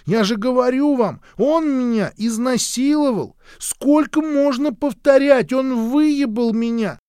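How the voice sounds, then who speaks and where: A man voicing a gaunt, unhinged woman who makes slow, insistent accusations in a high, strained voice. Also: a little mellow, smooth, no echo, studio quality. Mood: shrill insistent.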